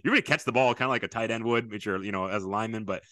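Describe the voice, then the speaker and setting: A man in his late thirties, a podcast host and football coach, runs a casual interview, reminiscing and crafting long, winding questions. His voice sits on the low side, a bit bright, and he talks at a racing clip; the studio-quality recording has no echo.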